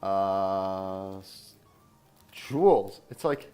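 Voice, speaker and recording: Low-voiced man mumbling while he builds. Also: lively intonation, extremely slow, dark tone, clean tone, soft background music. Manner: mumbling asides to himself while working. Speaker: host building a model kit on stream. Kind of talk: casual livestream commentary.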